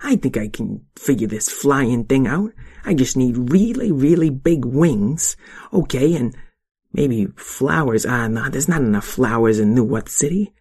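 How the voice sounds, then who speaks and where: A man voicing a scrappy young male weasel, a cheeky schemer who talks fast and fumbles with fillers. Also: mid-range voice, animated, darkish tone, slightly rough. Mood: eager.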